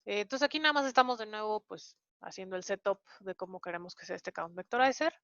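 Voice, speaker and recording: A woman leads an online coding lesson, patiently walking through each step with many hesitant fillers. Her voice sits at an ordinary middle pitch. The recording is dry and somewhat dull, with a lo-fi edge. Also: fast talker, fairly bright tone, no room sound. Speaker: programming instructor.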